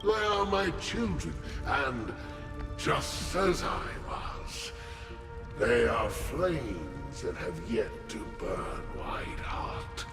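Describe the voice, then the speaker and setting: An actor playing a grim, fatalistic game villain obsessed with destruction, speaking with slow, theatrical menace in a gravelly voice. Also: male voice, medium pitch, very animated, full character voice. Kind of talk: dramatic video game voice acting. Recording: roomy echo under game music.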